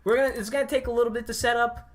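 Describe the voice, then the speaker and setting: A livestream host rushes through technical setup, rambling with many fillers before starting an improv game. The voice is medium-pitched and steady in tone, delivered at a racing pace.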